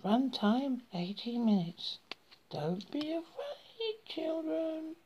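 A woman's voice: high-pitched, sing-song, slow pace, background noise, heavily acted. A woman playing a creepy, theatrical horror host who introduces old scary films in a spooky, menacing, whispery manner. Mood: playfully menacing.

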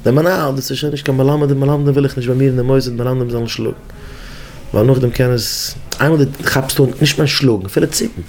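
A man teaching educators in a rabbinic lecture, telling stories in halting, repetitive speech. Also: mid-range voice, steady tone, a little mellow, slight background noise. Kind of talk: Yiddish-flavored Torah lecture.

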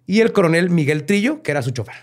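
Narrating history on his podcast, a Mexican-accented man keeps things loose with slang, curse words and jokes on the side. He talks at a quick pace in a high voice with lively intonation.

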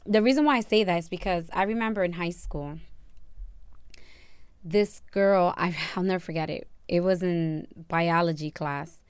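A woman's voice: lowish voice, normal speed, clear, resonant tone, no echo. A young woman co-hosting a podcast, talking candidly and bluntly in casual chat, often laughing. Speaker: podcast co-host.

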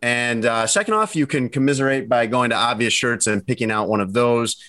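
A man's voice: medium pitch, fairly quick, pushed and bright. A man hosting a casual sports podcast, rambling and restarting his sentences, tired from early mornings, with dry jokes. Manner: rambling, self-interrupting, dry joking. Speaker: podcast host.

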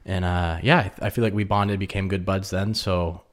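A low-pitched man at normal speed hosts a casual podcast from his home kitchen table. He talks with his guest in a relaxed, friendly interview style, full of fillers.

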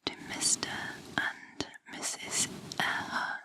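Woman's whispered role-play, right in your ear. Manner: gentle, slow and soothing, giving step-by-step instructions. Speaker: examiner giving a gentle sensory test.

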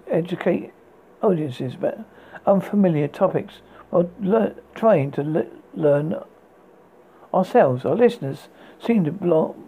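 An amateur reader narrating book extracts in a halting way, with frequent slips and restarts. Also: mid-range voice, gravelly, warm tone, breathy edge. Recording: tinny phone-like sound.

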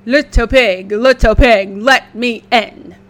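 A woman voicing a greedy, boastful wolf who makes loud, menacing demands. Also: a little high, takes it slowly.

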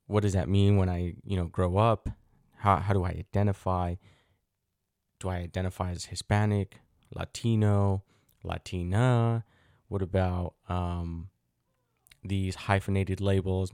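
A middle-aged man with a deep, warm voice and vocal fry hosts a reflective solo podcast, musing thoughtfully, posing rhetorical questions to himself, and using lots of fillers. The sound is dry and clean, studio-recorded.

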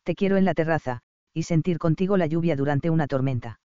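Amante firme y tierno, leído por un hombre, voz oscura y limpia, sonido sordo. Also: male voice, fast, warm tone, clear, resonant tone, no echo, close to an everyday voice. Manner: low, intimate delivery. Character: confident adult man, tender and possessive lover. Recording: dull, dry audiobook recording.

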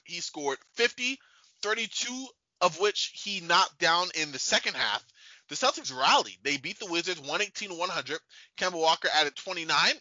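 Man, sports podcast host, bright voice, dry close sound, slightly dull lo-fi recording. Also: on the high side, no echo. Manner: animated, rambling, repeats himself. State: sleepy, yawning late at night. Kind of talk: casual sports podcast chat.

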